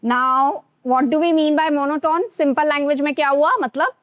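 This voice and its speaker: A high-voiced woman with an Indian accent leads a grooming class, mixing Hindi and English as she talks straight to her students. She speaks slowly and deliberately, drawing words out. The sound is dry and close, with little room echo. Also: steady tone, a bit bright. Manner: mixes Hindi and English, addresses students directly. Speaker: teacher.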